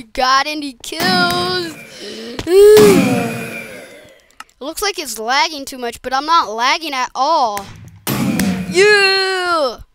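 A woman giving casual gameplay commentary, excitable and yelping and groaning at the game. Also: high voice, noisy background. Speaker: gaming channel host.

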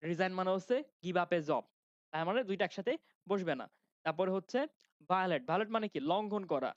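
Brisk and high-pitched, this young adult grammar instructor talks with a Khulna Bangla accent in a chatty lecture style. He poses questions to students and restarts sentences. The recording is dry, a touch dull, with no room sound.

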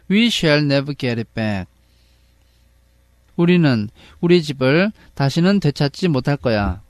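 A fretful storybook mother, read by a man in a lively, higher voice. Each line comes slowly and carefully, then again in translation. The sound is dry and close. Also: no room sound, heavily acted. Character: fretful mother duck-hunter turned bird.

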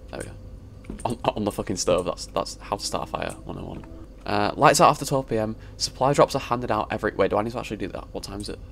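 A young man commentating a horror game, his fairly low voice leaping wildly in pitch whenever something startles him. He swears freely and reads on-screen text aloud between nervous jokes. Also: vocal fry, noisy background. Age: young adult. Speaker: gaming YouTuber.

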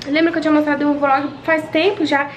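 High-voiced chatty young vlogger woman. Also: little pitch movement, fast, slight background noise. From Brazil. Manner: chatty, tells the day step by step to viewers. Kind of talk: casual family vlog narration. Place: at home. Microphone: handheld vlog camera.

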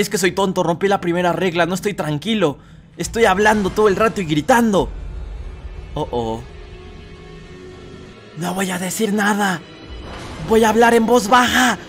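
A young man commentating a horror game as a let's player, talking to viewers and shouting at scares. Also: fairly high pitch. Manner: excitable, shouts and screams at scares, chatty asides to viewers. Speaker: gaming YouTuber.

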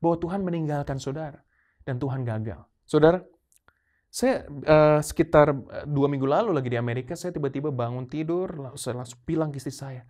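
A man's voice: on the high side, brisk, a little mellow. A man in his thirties preaching a sermon, telling personal stories and slipping English phrases into his talk. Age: 30s. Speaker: pastor.

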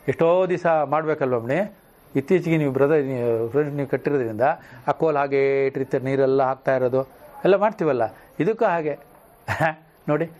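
Male scripture teacher, lively questioning delivery, fairly high voice. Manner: animated, often asks the listeners questions. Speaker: spiritual teacher. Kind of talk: discourse on scripture.

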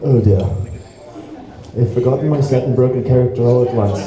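A young man performs a rambling, self-mocking stand-up set on a small club stage, talking fairly quickly into a handheld mic in a mellow, mid-range voice. He is heard from the audience, and the audio is dull. The club is echoey, with audience noise in the background.

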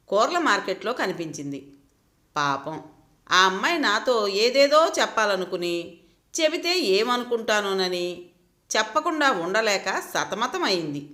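A woman voicing a hurt but composed married woman who talks through her husband's affair calmly. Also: medium pitch, measured pace, roomy sound. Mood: resigned. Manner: calm, reasoning, resigned.

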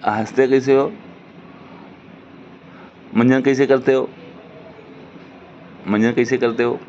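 In a muffled home video with background noise, a man, a family member, chats with a toddler, coaxing them with simple, repeated questions. His mid-range voice is steady, slow, and a little mellow.

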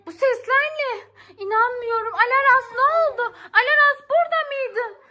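A woman's voice: very high voice, normal speed, sharp tone. A woman playing a mother in an acted family comedy skit, fussing and exasperated as she repeats her pleas again and again.

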